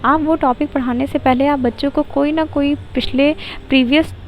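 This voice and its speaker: A woman explaining a lesson plan in a tutorial voice-over, reading phrases slowly and deliberately. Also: high-pitched, fairly even intonation, muffled recording, slight background noise. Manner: slow, deliberate reading of English phrases mixed with Hindi.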